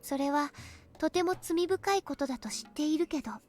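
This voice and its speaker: A woman's voice: high voice, rapid-fire, lightly acted. A woman playing a mysterious, sweetly smiling yet unsettling teenage girl in a Japanese visual novel. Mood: soft, knowing.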